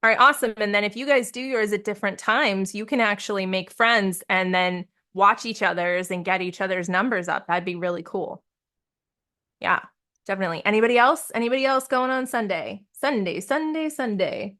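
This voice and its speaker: A woman's voice: medium pitch, a little fast, bright, forceful tone. A woman leading a live coaching session, upbeat and encouraging, laughing often as she talks with participants over a video call. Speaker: business coach.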